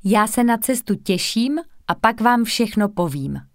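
A woman's voice: mid-range voice, dry recording, studio quality, lightly acted. A woman voicing a cheerful, proud little girl who is eager to travel. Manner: lively, proud.

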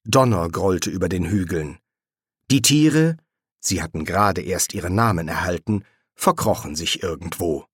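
Slow husky male storyteller. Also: low-pitched, animated, fairly bright tone, no room sound, studio quality. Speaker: narrator. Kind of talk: audiobook narration.

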